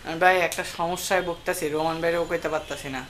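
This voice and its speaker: Speaking fast in a steady, fairly bright, high-leaning voice, a young Bangladeshi-accented man hosts his channel's prank calls. He chats casually in slang, slipping in English words, on a noisy amateur phone recording.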